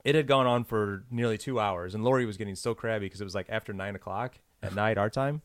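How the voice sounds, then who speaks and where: A man's voice: on the low side, quick pace, no room sound, studio quality. A man casually telling a long story in a chat, rambling with lots of fillers.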